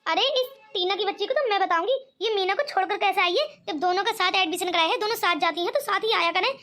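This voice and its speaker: A woman's voice: very high voice, fast, bright, forceful tone. A woman voicing a sly young sister-in-law in a cartoon comedy, showing fake sympathy and mocking behind backs.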